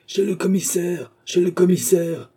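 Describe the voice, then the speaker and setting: A furious street mob chants and shouts for justice, as one man reading the story puts them on. The voice is pushed high and loud above his usual register. It still carries a husky, dark grain. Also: unhurried, exaggerated voice. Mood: angry. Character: angry Parisian mob, shouting men.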